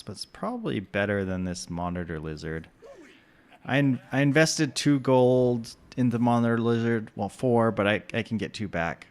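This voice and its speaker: A man giving casual, relaxed commentary while he plays a video game, thinking aloud with many pauses and ums. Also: medium pitch, vocal fry, clear, resonant tone. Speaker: gameplay commentator.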